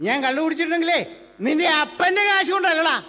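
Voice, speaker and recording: A man's voice: extremely high pitch, fast talker, pushed and bright, full character voice. A man playing a drunk, taunting rich boor. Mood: mocking. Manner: mocking, slurred, taunting. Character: drunk, boastful, rude rich middle-aged man. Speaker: actor in an amateur stage play. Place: school stage before an audience. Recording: echoey hall stage recording.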